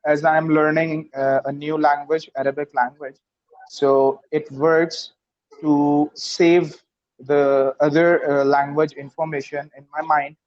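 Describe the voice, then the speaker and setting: A man's voice: on the high side, little pitch movement, takes it slowly, a little mellow, dull audio. A man from Pakistan practicing English in an online conversation lesson, speaking hesitantly with many fillers and restarts. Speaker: student.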